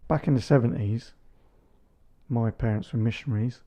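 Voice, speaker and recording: A man's voice: medium pitch, normal speed, mellow. A man in his thirties co-hosting a casual chat podcast with his wife, joking and teasing as he talks. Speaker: podcast co-host.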